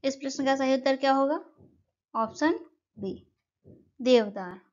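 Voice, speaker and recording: A woman's voice: high-pitched, measured pace, a little mellow, muffled recording. A woman teaching an exam-prep lesson, who keeps asking questions and answering them herself.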